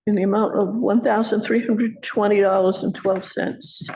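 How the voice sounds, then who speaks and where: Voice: mid-range voice, steady tone, moderate pace, a little mellow, a little hiss or hum, low-quality recording. A board member formally making motions at a town board meeting.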